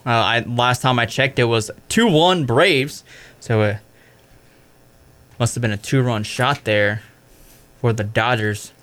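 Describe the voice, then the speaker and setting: A young man hosting a college radio sports recap reads off scores and stats in a loose, chatty way, filling with "I mean" and often correcting himself. His medium-pitched voice is a bit bright, and he goes slowly with frequent pauses.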